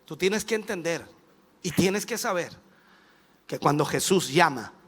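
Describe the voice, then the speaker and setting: Animated Chilean preacher, lively high voice. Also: male voice, unhurried, breathy edge. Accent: Chilean Spanish. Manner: animated, dramatic, swings from hushed to shouting. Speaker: bishop preaching. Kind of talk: televised sermon.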